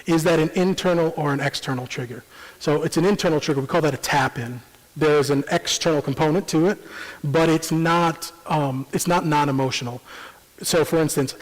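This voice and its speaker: Man teaching a seminar in a reverberant church. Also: fairly high pitch. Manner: measured, explanatory, with frequent um and uh. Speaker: seminar presenter. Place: church sanctuary. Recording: long church hall reverb.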